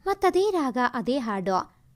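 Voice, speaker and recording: A woman narrates a first-person love story as a scripted reading, full of emotion. Her voice is high and very lively in pitch. She reads with expressive weight on each line. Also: takes it slowly.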